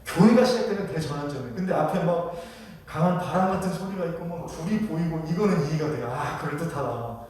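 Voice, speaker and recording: A man's voice: a little high, quick pace, few pauses, a little mellow. A male pastor preaching a sermon who keeps putting questions to the congregation. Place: church sanctuary. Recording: echoey church hall from far off.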